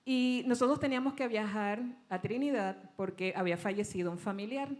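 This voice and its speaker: A woman's voice: mid-range voice, fairly quick. A woman pastor from Venezuela, preaching a sermon and telling a personal story in which she acts out the dialogue and laughs at herself.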